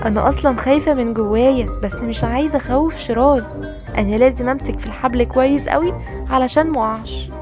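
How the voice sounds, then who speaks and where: A woman with an Egyptian accent voicing a caring, nervous mother in a toy-figure play story for kids, fretting out loud as she goes. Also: high voice, fast talker, close to an everyday voice. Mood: scared. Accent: Egyptian Arabic. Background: children's music.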